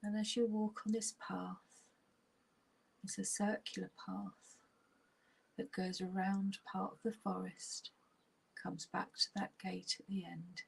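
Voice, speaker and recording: Speaking almost in a whisper, a woman with a husky, breathy voice guides listeners through a relaxation meditation, calm and slow, leaving long silences. Her medium-pitched voice stays level, and the recording is of low quality.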